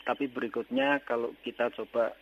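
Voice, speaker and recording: A man's voice: medium pitch, steady tone, a little fast. A man with a mid-range voice calls in to the show and asks his question politely and a little hesitantly. His voice comes through muffled and lo-fi, with faint hiss behind it. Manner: courteous, hesitant, formal greetings. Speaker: caller. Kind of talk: phone-in question. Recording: dull lo-fi phone line with faint noise.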